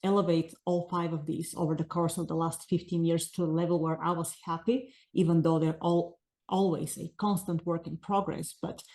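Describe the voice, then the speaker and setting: Answering an interviewer earnestly, a Bulgarian-accented author in her forties speaks in flowing sentences. Her darkish, lowish voice shows little pitch movement, and she talks at a normal speed.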